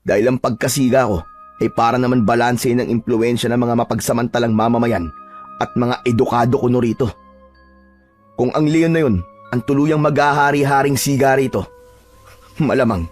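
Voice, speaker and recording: A man's voice: medium pitch, normal speed, long pauses, a little mellow, faint music behind. A man narrating a first-person horror story and speaking his own lines bluntly and warily, in a tough, streetwise way. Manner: blunt, tough-talking, wary, with short laughs.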